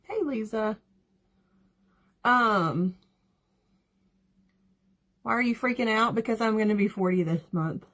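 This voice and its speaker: A woman's voice: on the high side, slow pace, long pauses, fairly bright tone. Chatty woman on a makeup livestream. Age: 30s. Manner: chatty, rambling, laughs often, reads out viewer comments. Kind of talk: casual livestream chat while doing makeup.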